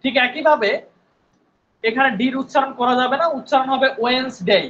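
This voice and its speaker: A man's voice: very high-pitched, steady tone, fairly quick, fairly bright tone, highs cut off. A male English teacher giving an online spoken English class, patiently repeating words and often checking in with his students.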